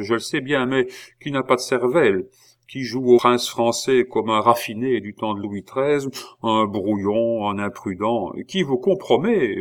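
A man voicing a calm, ironic king in an audiobook reading, humming and drawling before his lines. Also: mid-range voice, natural voice. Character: King Louis XVI, calm, dry, ironic middle-aged man.

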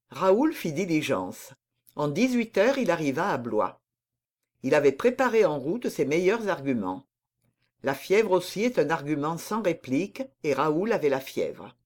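A narrator reading a classic novel aloud in an expressive, storytelling manner. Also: mid-range voice. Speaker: audiobook narrator. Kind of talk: scripted audiobook narration.

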